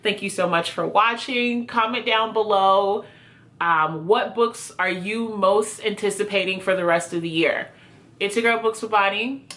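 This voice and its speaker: In an unhurried, mid-range voice with a slight brightness, a woman reviews books for her video audience. It's casual talk to camera in response to prompts, friendly and self-deprecating.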